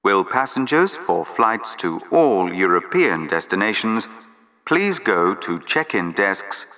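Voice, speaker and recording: A man reading scripted airport announcements in a formal, measured public-address manner for a listening exercise. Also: fairly low pitch, very animated, pushed and bright, long reverb tail.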